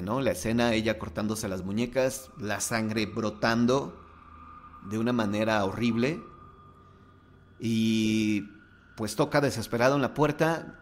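A man's voice: lowish voice, slight background noise. A man narrating a horror story in a casual, conversational way. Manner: casual, conversational, many fillers. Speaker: storyteller host.

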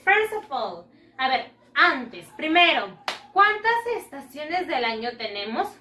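Woman, schoolteacher, high voice, slow deliberate pace for repetition drills. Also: very animated, sharp tone, roomy sound, far from the mic, a little hiss or hum. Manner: slow, drawn-out words for children to repeat; switches between English and Spanish. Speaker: primary school English teacher. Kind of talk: bilingual classroom lesson.

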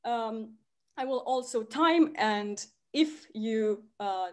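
A woman from Romania chairing a debate on a video call, friendly and measured, with some fillers. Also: on the high side, a little mellow. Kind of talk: formal introductions over video call.

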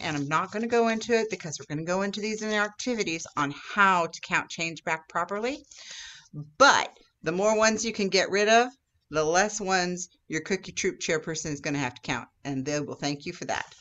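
An upbeat woman with a slightly low voice explains things to children in a friendly instructional video. She talks like a troop leader and sometimes acts out the people she describes. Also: fairly quick, a bit bright, muffled recording, a little hiss or hum. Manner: upbeat, friendly teacher talk that acts out customer exchanges. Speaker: Girl Scout troop leader.

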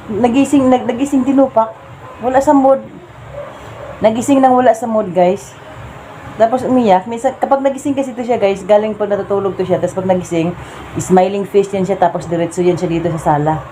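A woman's voice: medium pitch, a little fast, mellow, a little hiss or hum. A young Filipino woman with a Filipino accent, casually vlogging at home, switching between playful baby talk to her son and chatty asides to viewers, often laughing. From Philippines. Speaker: vlogger and mother. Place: home living room.

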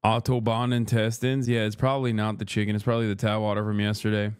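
Fast and with little pitch movement, a man in his thirties from Turkey streams while eating, his fairly low voice clean through a close boom-arm studio mic. The small, wood-paneled indoor room frames his casual chat, which is brash, profane, joking and spoken through mouthfuls of food.

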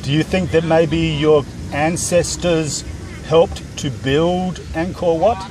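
A man's voice: a little high, steady tone, slow pace. An older man hosting a casual travel vlog, chatting wryly with passengers and narrating in a reflective tone. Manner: chatty, wry interviewer. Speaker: vlogger host. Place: tuk-tuk and outdoor temple grounds. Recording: outdoor recording with clear street noise.

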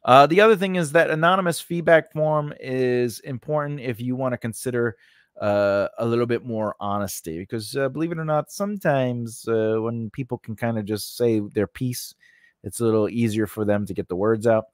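Talking to camera at a normal pace, the middle-aged host of a screenwriting lesson channel gives an emphatic, conversational lesson. He has a mid-range voice and sits close to a stand-mounted condenser mic. The setting is a small indoor home studio with a cloth backdrop, and the recording is dry.

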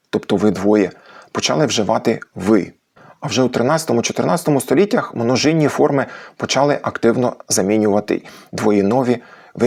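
A man hosting a language channel, patiently explaining language history and slowing down to stress each example word. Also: medium pitch, vocal fry, darkish tone, husky. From Ukraine. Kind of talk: educational talk on language history.

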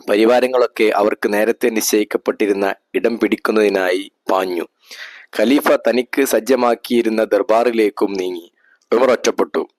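A man narrating a historical story in a steady, measured storytelling manner. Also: lowish voice, dry recording, low-quality recording.

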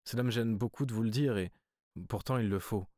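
A man's voice: lowish voice, brisk, warm tone, no echo, clean studio sound, natural voice. A man voicing a distressed, hypnotized genteel woman who hesitates and pleads in a trembling voice. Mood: troubled.

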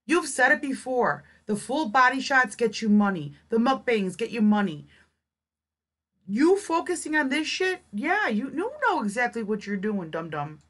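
A woman's voice: a little high, very animated, normal speed, fairly bright tone. A woman doing blunt, scornful reaction commentary on clips, swearing often.

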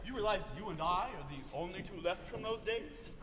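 A man playing a fatherly old army sergeant in spoken opera dialogue on stage, a warm, teasing storyteller who turns blustery when alarmed. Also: high-pitched, expressive, fairly quick. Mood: fond. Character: gruff fatherly older army sergeant, doting and protective. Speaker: opera singer-actor. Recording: echoey hall from off-mic, with music.

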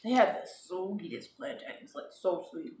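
A woman's voice: on the low side, expressive, measured pace, noisy background. Chatty woman eating on camera, echoey room. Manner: chatty and upbeat, talks between bites. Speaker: vlogger hosting a food-eating video. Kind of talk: casual chat while eating. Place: home, at a table with food. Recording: echoey room with clattering dishes. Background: clinking cutlery and dishes.

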